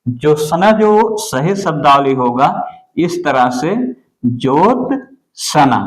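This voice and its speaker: A man teaching an exam-prep spelling lesson, going slowly and repeating each word. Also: fairly high pitch, reverberant, poor audio. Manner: slow, deliberate, repeats words for the student.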